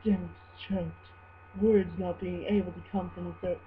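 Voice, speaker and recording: A woman giving an amateur dramatic reading of fan fiction, halting and prone to stumbles. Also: lowish voice, flat delivery, breathy edge. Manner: halting, stumbles over words and breaks into giggles. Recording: muffled, humming home recording.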